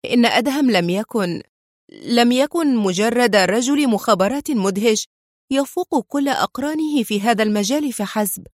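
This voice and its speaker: A woman's voice: fairly high pitch, no echo, studio quality. A woman voicing a fiery young woman who exclaims in indignation in an audiobook. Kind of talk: audiobook character reading.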